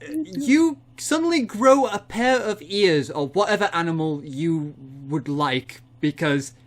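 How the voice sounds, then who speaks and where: A man running a comedy tabletop game as game master, laughing often and playful. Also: high voice.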